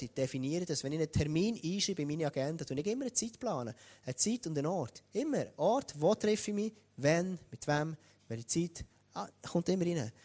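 A man with a Swiss German accent preaching a sermon, talking straight to the congregation in a lively way. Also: a little high. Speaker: pastor.

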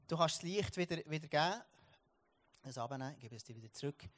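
A Swiss German man preaches in a fairly high voice. He tells a story from daily life with many restarts and repeated words, then turns it into a sermon for his congregation. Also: expressive, quick pace, fairly bright tone.

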